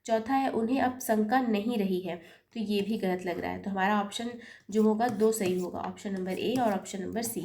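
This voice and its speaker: A Hindi teacher leads an exam-prep lesson, patiently spelling out corrections step by step. She catches her own slips as she goes and apologizes for them. Her voice is medium-pitched with a darkish tone at a normal speed.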